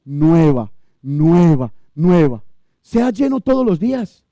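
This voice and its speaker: A man with a Colombian accent preaching a sermon as pastor of a church, emphatic, with loud high bursts and low quiet stretches. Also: sing-song, slow pace, no echo, lo-fi sound. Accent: Colombian Spanish.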